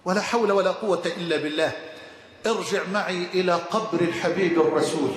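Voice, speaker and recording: A man with an Egyptian accent delivering a Friday sermon, impassioned, swinging between shouts and hushed tones, in a mosque. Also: high-pitched, fast talker. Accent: Egyptian Arabic. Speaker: preacher. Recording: echoey hall with faint ambient noise.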